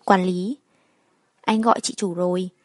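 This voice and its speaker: A woman voicing a curt male shop manager who speaks in a brisk, matter-of-fact way. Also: on the low side, steady tone, a little mellow, dry recording, studio quality.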